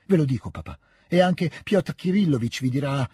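A man voicing an excitable teenage boy who pleads in a high, strained voice. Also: normal speed, husky, no room sound, studio quality. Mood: protesting.

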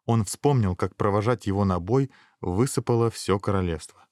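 A man with a low voice reads a fairy tale aloud, steady and measured. The recording is dry and close, with no room echo. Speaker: narrator. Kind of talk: storybook reading.

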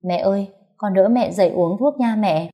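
Woman voicing a gentle pleading young daughter-in-law. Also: medium pitch, normal speed, close to an everyday voice. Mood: coaxing. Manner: soft, coaxing, pleading.

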